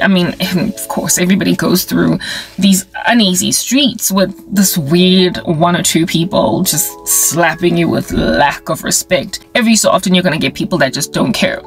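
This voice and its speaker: This vlogger and ministry creator, a South African woman in her forties, gives a playful, wry monologue to camera, mixing in sound effects and phrases from local languages. She speaks at normal speed in a lowish voice, over faint background music.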